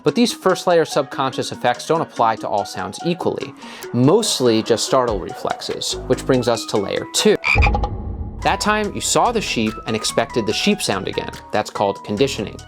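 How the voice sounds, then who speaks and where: A man's voice: medium pitch, sing-song, normal speed, music in the background. A man hosting a design video, giving scripted narration with an explanatory, punchy delivery.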